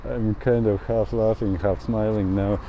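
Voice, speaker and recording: A man in his thirties from Latvia, speaking in a slow, thoughtful personal monologue and laughing often as he talks. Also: lowish voice, little pitch movement, mellow, slight background noise, poor audio. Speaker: travel vlogger. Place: outdoors in a town.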